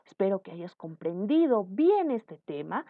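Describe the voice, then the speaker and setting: A woman teaching a lesson with a very lively, swooping voice. She explains patiently and keeps checking that the student follows. The sound is dull and lo-fi, and very dry. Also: medium pitch, unhurried, no echo. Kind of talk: online class lesson.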